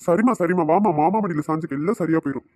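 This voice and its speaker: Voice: mid-range voice, quick pace, darkish tone, no echo, lightly acted. A performer voicing a teasing, cajoling idle young man in a cartoon. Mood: coaxing. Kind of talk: cartoon voice acting.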